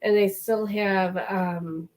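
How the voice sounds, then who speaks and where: A hoarse woman, losing her voice, co-hosting a casual chat in an animated, talkative way. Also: medium pitch, slow. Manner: animated, chatty. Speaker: co-host.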